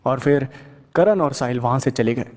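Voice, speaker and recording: A man narrating a horror audio story in a plain, steady way, linking events one after another. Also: medium pitch, normal speed, in a large hall. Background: faint music.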